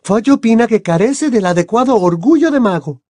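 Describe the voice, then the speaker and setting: A man's voice: very high-pitched, expressive, moderate pace, warm tone, no echo, pitched above the performer's own voice. A man reading an audiobook who voices a middle-aged mother witch, speaking in an earnest, explaining tone.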